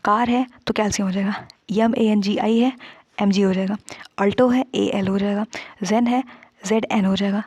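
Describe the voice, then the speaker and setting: A woman's voice: medium pitch, fairly even intonation, normal speed, darkish tone, slightly rough, no room sound. A woman teacher working through past exam questions step by step, often checking in with her students. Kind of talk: exam-prep lesson solving past papers.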